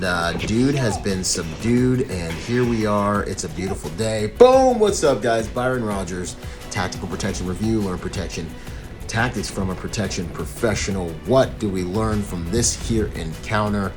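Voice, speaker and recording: A man's voice: lowish voice, moderate pace, music in the background. A man giving casual, slangy video commentary and analysis as a protection professional, repeating points for emphasis. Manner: slangy, informal, emphatic repetition.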